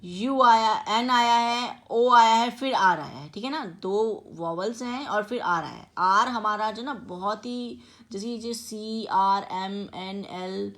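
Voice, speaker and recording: A woman's voice: medium pitch, a bit bright. Woman teacher spelling out letters. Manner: explains slowly, spells words out letter by letter, often checks with "theek hai". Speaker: English teacher. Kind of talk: classroom grammar lesson.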